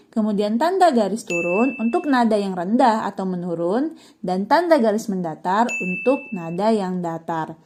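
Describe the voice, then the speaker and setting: A woman's voice: mid-range voice, background noise. A young woman teaching an online lesson to children, cheerfully asking questions and answering them herself. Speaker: religious school teacher.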